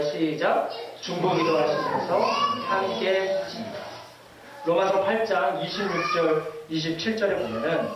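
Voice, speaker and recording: A male pastor preaching a sermon in a church, lively and often asking the congregation questions and leading them in readings. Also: sits high, dull audio. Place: church sanctuary. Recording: echoey hall from far off, faint hiss.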